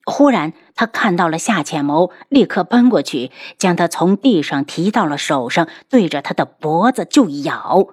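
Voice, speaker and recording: A woman narrating a martial-arts web novel in a steady, unhurried storytelling manner. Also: on the low side, husky, no room sound, studio quality. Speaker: audiobook narrator.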